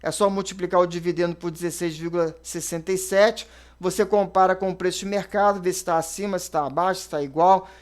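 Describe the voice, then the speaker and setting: A Brazilian man in his thirties or forties, an investment advisor, talks through his approach with a rather high voice. His delivery is casual and conversational, dotted with fillers and quick self-corrections. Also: fairly even intonation. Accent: Brazilian Portuguese. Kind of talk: casual explanatory talk.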